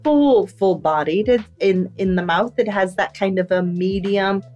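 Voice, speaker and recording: A woman's voice: mid-range voice, a little slow, darkish tone, muffled recording, soft background music. A woman co-hosting a workplace podcast, chatting casually and laughing often. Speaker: podcast co-host and HR trainer. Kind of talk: casual chat.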